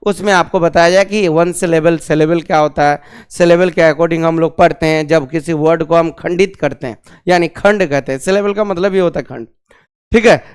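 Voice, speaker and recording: A man teaches a grammar class, often putting questions to his students and repeating the key terms. His voice sits high and sounds smooth and resonant. He drills the terms slowly, again and again. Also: fairly even intonation.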